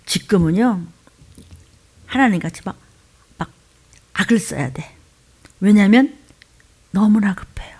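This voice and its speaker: A woman pastor preaching an impassioned sermon in a church, swinging between loud cries and hushed asides. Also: medium pitch, expressive, unhurried, long pauses, breathy edge. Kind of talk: impassioned Friday night sermon.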